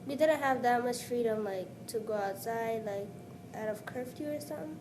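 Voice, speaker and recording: A woman from Somalia with a high voice speaks casually and loosely, with many fillers. A low rumble and background noise sit behind her. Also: moderate pace. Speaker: interviewee. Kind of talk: personal account.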